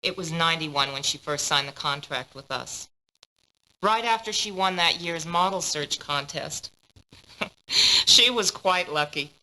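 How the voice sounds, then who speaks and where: An actress voicing a poised, businesslike female modeling agency boss in dubbed game dialogue, smooth and guarded. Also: low voice, measured pace, bright, forceful tone, full character voice, poor audio. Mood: composed.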